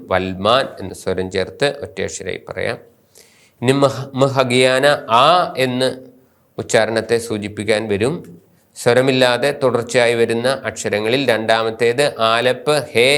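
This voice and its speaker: Man, Malayali accent, priest teaching grammar, slow, lowish smooth voice, repeats each term. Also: a bit bright. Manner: spells out letters and terms one at a time, repeating each term.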